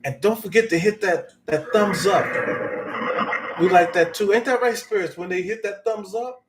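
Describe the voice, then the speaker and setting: A man's voice: high-pitched, moderate pace, very noisy. A man hosting a livestream, chatting casually in a folksy, joking way to viewers and spirits. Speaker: livestream host.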